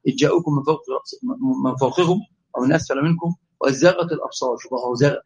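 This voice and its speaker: A man with an Egyptian Arabic accent teaching a lively theology lesson, quizzing his class and calling on students. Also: on the high side, rapid-fire, dull audio. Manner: animated, asks the class questions and calls on students. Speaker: religious teacher.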